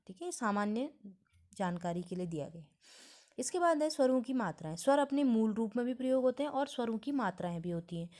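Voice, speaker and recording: A woman's voice: mid-range voice, darkish tone. A woman teaching a grammar lesson step by step, often checking that her students are following.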